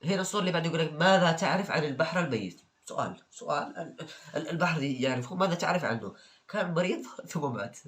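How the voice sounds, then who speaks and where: A man's voice: fairly high pitch, expressive, racing, fairly bright tone, slight background noise. A young man hosting a comedy video, reading out funny exam answers and reacting with joking, mock-exasperated remarks. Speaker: video host.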